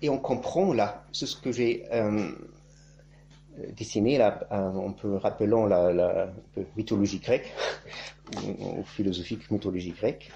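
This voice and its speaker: A priest-monk, a native German speaker, giving a spoken catechesis in a halting way, searching for words and tagging phrases with "hein". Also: male voice, lowish voice, vocal fry, warm tone, lo-fi sound, a little hiss or hum.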